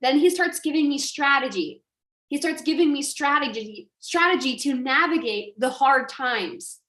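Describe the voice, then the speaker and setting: A woman's voice: high voice, normal speed, fairly bright tone, reverberant. A woman coaching a group in a motivational talk, pressing with repeated rhetorical questions. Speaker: business coach.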